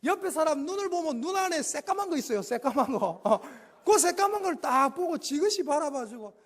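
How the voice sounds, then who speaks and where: A man preaches in a broad Gyeongsang accent, folksy and animated, often calling on the congregation to respond. His pitch leaps up and drops back down all through his delivery. The sound carries the long reverb of a church sanctuary. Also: fairly quick. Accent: Gyeongsang Korean. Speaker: pastor. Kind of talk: Sunday afternoon sermon.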